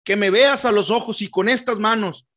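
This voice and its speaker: Man putting on a solemn high-voiced male politician. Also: moderate pace, a bit bright. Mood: solemn pleading. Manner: solemn, pleading, oratorical. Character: earnest male populist politician in a campaign ad. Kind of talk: parody campaign speech.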